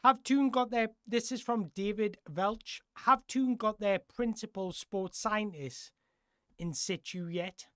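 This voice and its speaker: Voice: mid-range voice, slow, fairly bright tone, clear, resonant tone, no echo, studio quality. A live-stream football host chatting casually through viewer questions, rambling and correcting themself as they go.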